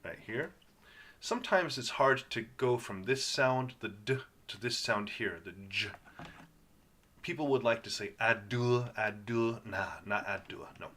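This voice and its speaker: A man of middle pitch leads a phonics lesson at a very unhurried pace. He breaks words into single sounds and says each one several times with patient care. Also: animated, pushed and bright, slightly rough. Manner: patient, sounds words out slowly and repeats them. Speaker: English reading teacher. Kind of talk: slow guided phonics lesson.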